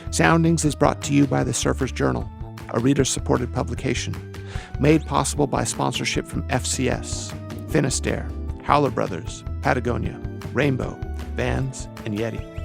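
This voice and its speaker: Gravelly-voiced male podcast host. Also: mid-range voice, music in the background. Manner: quiet affirmations, measured questions. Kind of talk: interview and scripted outro.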